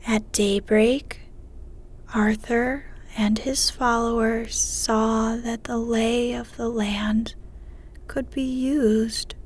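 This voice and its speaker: A woman reading a story aloud in a soft, unhurried ASMR whisper. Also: on the high side, breathy edge.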